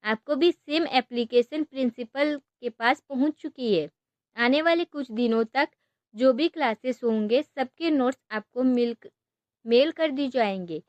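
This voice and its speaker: A woman reading a calm young husband. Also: sits high, a little slow, dry recording, dull audio. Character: young male lecturer husband, calm and teasing.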